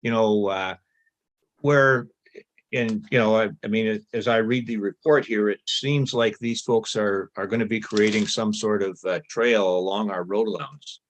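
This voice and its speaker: A male councillor asking a question at a council meeting, halting and deliberate with many pauses and fillers. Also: on the low side, steady tone.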